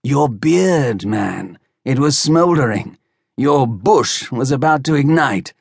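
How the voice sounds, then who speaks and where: Male narrator doing a slender, wry peacemaker, slightly higher, slow and teasing, dry read. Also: lively intonation, no room sound, exaggerated voice. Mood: wry calming. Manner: smooth, reasoning, lightly teasing. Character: calm, wry young man soothing a brawler.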